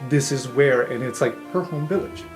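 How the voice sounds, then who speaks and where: Acting as game master for a tabletop roleplaying game, a man improvises narration at a medium pitch and normal speed. The recording sounds roomy, with music playing under his voice.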